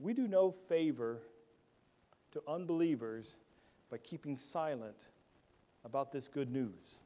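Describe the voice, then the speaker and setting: A pastor preaching a sermon, earnest, often repeating words as he restarts, moving between loud stressed phrases and quiet asides. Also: medium pitch, animated, measured pace.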